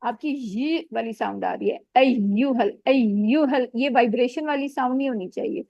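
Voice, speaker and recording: A woman teaching Quran recitation rules in an online class, patiently correcting students and modelling sounds slowly. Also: a little high, creaky, no room sound, muffled recording.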